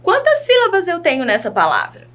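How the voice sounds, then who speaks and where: A Brazilian woman teacher giving a children's video lesson, speaking in a slow, teacherly way and asking the children questions. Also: very high-pitched, wildly swooping pitch, a bit bright. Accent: Brazilian Portuguese. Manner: slow, sing-song teacherly delivery, asks children questions.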